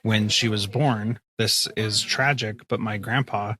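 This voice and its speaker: A middle-aged man hosting a podcast interview, talking in an earnest, expressive way. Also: fairly low pitch, a little slow, rough recording. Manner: earnest, expressive, animated when telling stories. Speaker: podcast host, school principal. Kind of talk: conversational interview.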